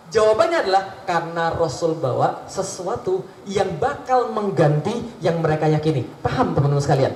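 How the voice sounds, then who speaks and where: A male preacher with a strikingly high voice delivers a lively sermon. He quizzes his audience and slips into little acted dialogues. The sound carries through an echoey hall. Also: slight background noise. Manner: lively, asks the audience questions, acts out dialogues. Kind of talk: Islamic sermon.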